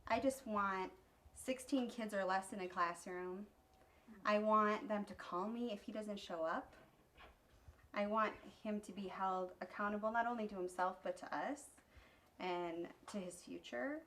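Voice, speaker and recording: A woman's voice: mid-range voice, measured pace, a bit bright. Blunt, emphatic mother in an interview. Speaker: mother interviewed about parenting. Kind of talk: documentary interview.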